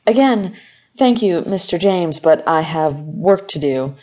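A woman's voice: on the low side, lively intonation, a little slow, mellow. A woman voicing a reluctant young female office worker who answers politely but on guard. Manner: polite, then defensive.

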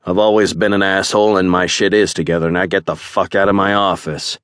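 A man reading as a brooding male warrior leader, gruff and curt in his replies. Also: sits low, normal speed, fairly bright tone, no echo, clean studio sound.

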